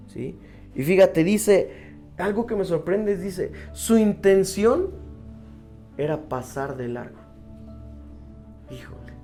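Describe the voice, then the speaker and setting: A male preacher delivers a sermon at an unhurried pace. His voice is dark and mellow, and he keeps turning to his listeners with quick rhetorical questions. Soft music plays faintly underneath. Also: high voice.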